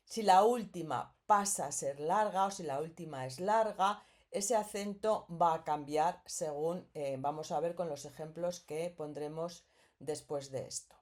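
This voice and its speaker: A woman's voice: deep voice, unhurried, a little mellow. A woman teaching a grammar lesson, explaining patiently and often checking in with the listener.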